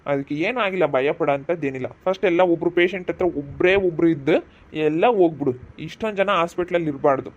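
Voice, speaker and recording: A man's voice: on the high side, fairly quick, dull audio, natural voice. A man playing a firm hospital doctor who orders a crowd of relatives out of the ward. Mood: reassuring firm. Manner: firm, scolding, orders people out. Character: stern hospital doctor, adult man, brisk.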